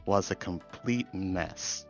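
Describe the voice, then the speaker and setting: Male podcast guest, lower register, understated, hesitant conversational delivery, music bed underneath. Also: slow, dull audio. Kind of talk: casual chat about online games. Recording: music behind the voice.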